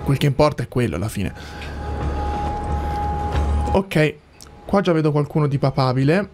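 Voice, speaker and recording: Higher-voiced man doing casual gameplay commentary. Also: very animated, normal speed. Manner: informal, thinking aloud to viewers. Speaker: gaming video host. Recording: loud game music behind.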